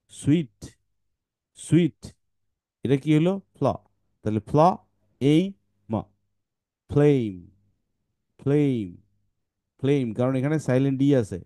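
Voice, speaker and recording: A man teaching children phonics in an online class over a video call, sounding out each blend slowly and repeating it several times. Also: mid-range voice, dark tone, no room sound, clean studio sound.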